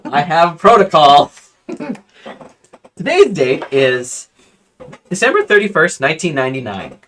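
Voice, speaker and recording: A man's voice: fairly high pitch, big pitch swings, measured pace, bright, forceful tone, slight background noise, full character voice. A man doing a robot voice for a clunky old male household robot crewman in a tabletop roleplay, stilted and formal. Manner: robot voice, stilted and formal, speaks of itself in third person. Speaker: player. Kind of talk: tabletop roleplay among friends.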